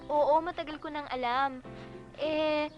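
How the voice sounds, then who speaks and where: A woman's voice: high-pitched, steady tone, slow, lo-fi sound, music in the background. An actress playing a loyal female friend who speaks in a caring, reassuring way.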